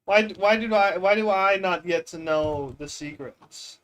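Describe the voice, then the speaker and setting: A man's voice: high voice, measured pace, a bit bright. Rambling, sarcastic young gaming streamer guy. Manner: incredulous, rambling, sarcastic banter with chat. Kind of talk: casual gaming commentary.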